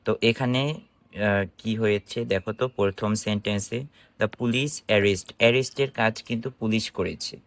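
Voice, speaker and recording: An English grammar teacher with a Bangladeshi accent gives an informal online lesson, explaining things by posing questions and answering them himself. His voice is fairly low with fairly even intonation, a little slow, and recorded without echo.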